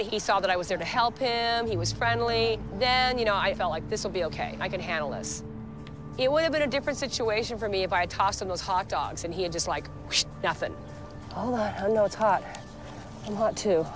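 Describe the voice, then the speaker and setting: A woman's voice: mid-range voice, a little fast. A middle-aged woman who runs an animal rescue shelter, talking in a direct, plain-spoken way with casual fillers, speaking outdoors on a lapel mic for a reality TV show. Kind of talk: reality TV interview and on-location talk. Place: outdoors in open fields and lots. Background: background music.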